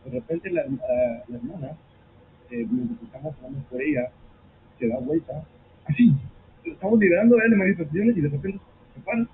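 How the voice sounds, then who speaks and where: A high-voiced man preaches to his congregation, slipping between Spanish and English as he goes. He tells his stories in an animated way and acts out the quotes. The sound is thin and phone-like, with a faint hiss behind it. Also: brisk. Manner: switches between Spanish and English mid-sentence; animated storytelling with acted quotes. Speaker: pastor. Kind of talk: sermon.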